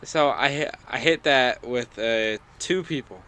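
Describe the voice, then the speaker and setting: A man's voice: mid-range voice, measured pace, bright, forceful tone, clear, resonant tone. A young man co-hosting a casual podcast, rambling through a hiking story and acting out quoted voices. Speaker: podcast co-host. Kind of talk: casual chat.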